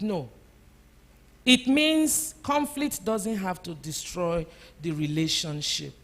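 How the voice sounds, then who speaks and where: A woman speaking at a church conference to a live audience, emphatic and repeating her key phrases. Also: on the low side.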